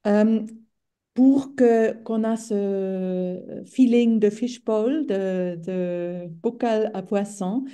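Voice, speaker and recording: A woman's voice: medium pitch, drawn-out words, mellow, clear, resonant tone. A woman speaking French as a non-native with a foreign accent, explaining things to webinar participants and searching for her words. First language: not French. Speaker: webinar co-facilitator.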